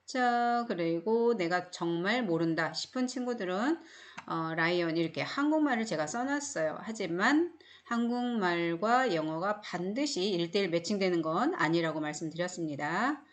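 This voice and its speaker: A middle-aged Korean-accented woman teaches phonics in a recorded online English class, going through each word patiently with lots of repetition. She has a lowish voice with lively intonation and a moderate pace.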